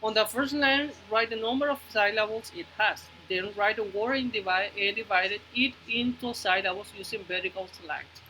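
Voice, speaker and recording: A man's voice: high voice, a little slow, hardly any pauses, bright, forceful tone, a little hiss or hum, rough recording. A male teacher giving a phonics lesson to children, patiently repeating words and checking in with the class, moving between Spanish and English.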